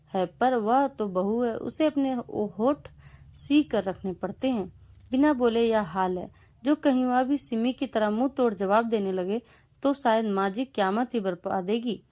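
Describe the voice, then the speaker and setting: A woman narrating a scripted family story in a steady, expressive reading voice. Her pitch sits fairly high.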